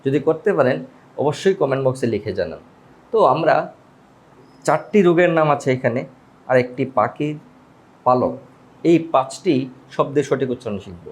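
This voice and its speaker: A man's voice: medium pitch, animated, moderate pace, pauses often. A man with a Bengali accent teaching English pronunciation, repeating each word and explaining it step by step. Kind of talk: spoken language lesson.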